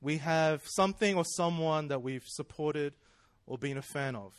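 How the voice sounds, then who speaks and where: A slightly high-voiced Australian man in his 30s preaches at a normal speed, recounting personal stories in a chatty, self-deprecating style that often turns to laughter. There's no echo in the recording.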